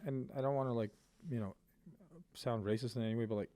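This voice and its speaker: A man's voice: mid-range voice, steady tone, fast talker, warm tone. A man from Armenia chatting on a podcast in a blunt, opinionated way and swearing casually.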